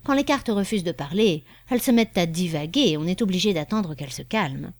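Shrewd lady card reader, read by a woman, curt and knowing, lively pitch. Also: fast talker, no room sound.

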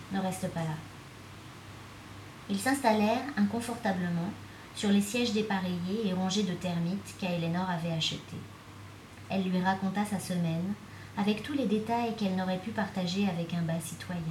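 A woman reading a novel aloud as narrator, with steady, even storytelling. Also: medium pitch, slight background noise. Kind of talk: audiobook reading. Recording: echoey room.

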